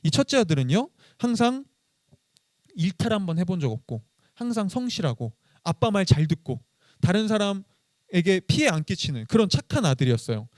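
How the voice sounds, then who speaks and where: A male pastor preaching an animated sermon, full of rhetorical questions. His fairly high voice swings widely in pitch, and the recording is dry and close with no room sound. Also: moderate pace, no echo.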